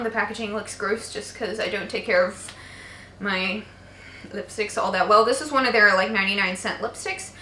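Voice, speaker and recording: A woman's voice: a little high, pushed and bright. A young woman talking casually in a makeup favorites vlog, chatty and gushing, with many fillers. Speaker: beauty vlogger. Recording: echoey room.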